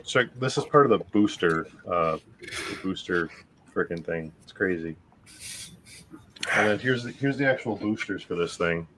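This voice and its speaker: Low-voiced laid-back man, hissy recording. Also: expressive, moderate pace, long pauses. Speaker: podcast co-host. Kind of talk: casual chat.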